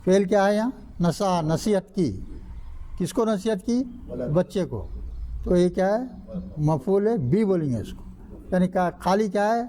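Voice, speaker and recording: Older male teacher, mellow, slightly raised voice, keeps quizzing the class and drilling the rules. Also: high voice, animated, slight background noise. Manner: asks the class questions and answers them himself, repeats key rules. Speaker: Arabic grammar teacher. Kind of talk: classroom lecture. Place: mosque classroom.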